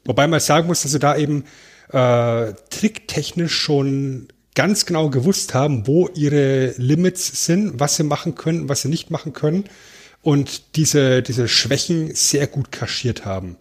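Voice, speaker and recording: A man co-hosting a casual film podcast, explaining things in a joking, measured way. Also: fairly high pitch, husky. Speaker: podcast co-host.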